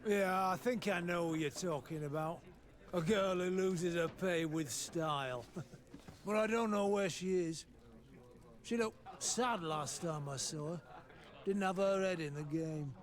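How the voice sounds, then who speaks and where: A man's voice: sits high, a little slow. A man playing a jovial, slurring town drunk, an old-hand soldier in a video game tavern who chats with sly familiarity. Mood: amused. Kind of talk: video game character acting.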